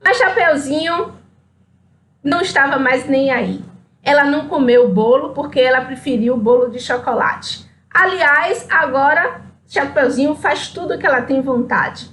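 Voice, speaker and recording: High-voiced woman reading a story aloud. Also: normal speed, slight background noise. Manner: expressive, sing-song storytelling. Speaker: speaker at a spiritual center. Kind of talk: reading a children's story aloud, then a reflective talk.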